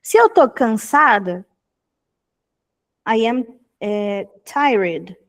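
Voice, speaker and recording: A woman's voice: on the high side, expressive. Brazilian woman teaching English on a call. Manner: explanatory, frequent "tá?" checks, repeats phrases slowly. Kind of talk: online English class. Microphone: video call.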